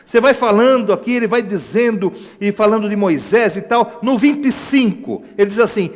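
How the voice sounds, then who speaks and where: A man's voice: high voice, moderate pace. A man with a Brazilian Portuguese accent preaching a sermon as pastor, emphatic, throwing rhetorical questions and asides to the congregation. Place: church. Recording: echoey church hall reverb.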